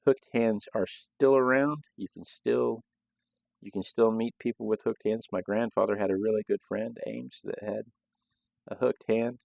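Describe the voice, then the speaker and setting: A man's voice: on the low side, fairly even intonation, normal speed, vocal fry, no room sound. A man hosting a live sketching stream, talking casually while he draws, in a loose, rambling way with frequent restarts. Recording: dull, lo-fi sound.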